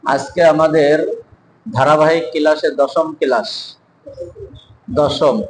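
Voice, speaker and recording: A man teaching an evening Quran reading class, patiently drilling each letter slowly and calling on students to repeat after him. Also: fairly high pitch, fairly even intonation, a little hiss or hum, poor audio.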